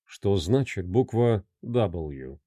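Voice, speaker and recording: A man doing a quiet, patient inspector. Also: expressive, no room sound, full character voice. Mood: calm. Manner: quiet, low, measured questioning. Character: calm, patient male police inspector.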